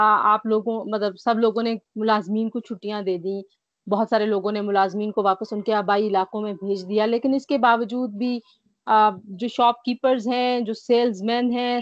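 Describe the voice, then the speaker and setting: A woman from Pakistan, recovering from covid, speaks earnestly about her illness as a guest in a remote video-call interview. Her mid-range voice holds a steady tone at a moderate pace, though she sounds tired, a little short of breath, and has a mild cough. The call audio is dry, dull, and lo-fi.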